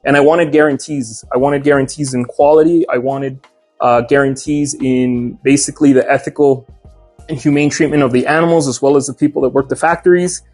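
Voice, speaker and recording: A man's voice: mid-range voice, fairly even intonation, fairly quick, a little mellow, faint music behind. A young man who owns a hat shop, talking casually in an interview and explaining his craft step by step with lots of "uh"s. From Mexico. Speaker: hat maker and shop owner.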